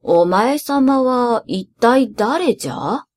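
A simple, earnest old grandfather from a storybook folk tale, played by a woman reader. He speaks slowly, with rustic, old-fashioned phrasing. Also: animated, a little mellow. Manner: rustic old man's speech, lowered and slow.

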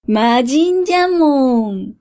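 A dubious, lanky middle-aged genie, as a woman reader puts him on, stretching each word into a slow, sly drawl. The voice sits fairly high for a man, with an old-fashioned, folksy turn of speech. It is a storybook voice, half comic and half cheap showman. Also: lively intonation, dark tone, full character voice. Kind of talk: storybook character voice.

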